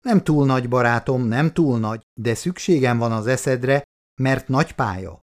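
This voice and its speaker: A man reading an audiobook, voicing a brisk, confident male insurance agent in a slightly raised voice. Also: medium pitch, natural voice. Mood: eager.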